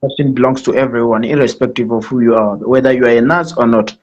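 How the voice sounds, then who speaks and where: This Nigerian guest presenter talks fast in a medium-pitched, slightly mellow voice, explaining things formally with emphatic repetition during a live online talk. His Nigerian accent comes through dull, lo-fi call audio.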